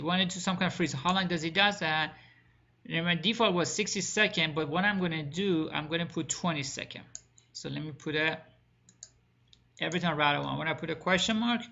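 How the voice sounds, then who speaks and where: A networking instructor teaches a screen-recorded lesson, asking the class questions and answering them himself. He speaks plainly, with small non-native grammar slips. His voice is a little high, gravelly and sharp-toned, and the audio is dull.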